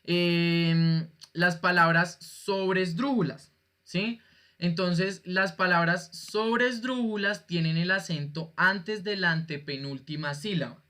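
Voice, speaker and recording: A male teacher runs an online class over a video call, patient and jokey, quizzing his students while he explains things. His voice sits high, sounds pushed and bright, and he speaks slowly.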